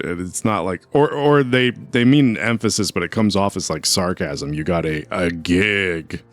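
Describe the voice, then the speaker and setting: A man with a fairly low voice streams a video game, recorded dry. He chats casually and rambles while answering his chat, giving relaxed gameplay commentary.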